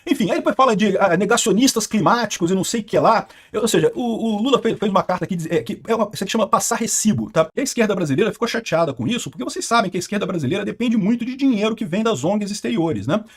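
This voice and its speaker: A man's voice: high-pitched, expressive, very fast, few pauses, breathy edge. A Brazilian man hosting a political react video, commenting with indignant, scornful remarks. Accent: Brazilian Portuguese. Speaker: channel host reacting to news clips.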